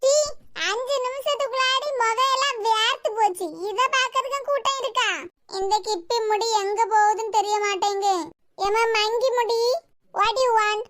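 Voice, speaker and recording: Woman voice artist, Kanyakumari Tamil; voices a whole cartoon cast, very high and bright, quarrelsome banter. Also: steady tone, normal speed. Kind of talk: voicing all cartoon characters.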